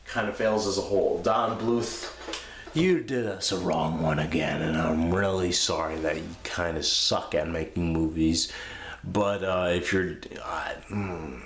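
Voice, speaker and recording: Casting: man with a fairly deep voice, drunk and rambling, profane casual reviewer, recorded in an echoey room. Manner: drunk, rambling and losing his thread; crude, profane. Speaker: host of a movie review show. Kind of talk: casual unscripted film review rant. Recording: echoey room with background noise.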